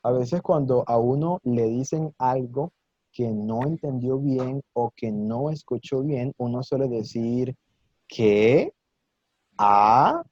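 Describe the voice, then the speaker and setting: A man's voice: mid-range voice, a little slow, warm tone, no room sound, dull audio. A man teaching an online Mandarin lesson in Spanish, patiently explaining and demonstrating tones with exaggerated intonation and encouraging his students.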